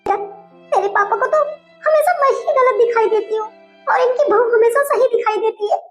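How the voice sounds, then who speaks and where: A woman's voice: extremely high pitch, lively intonation, moderate pace, soft background music. A woman playing a domineering, scheming mother-in-law who scolds and complains in a comedy skit. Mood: tearful. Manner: bossy, scolding, tearful complaining.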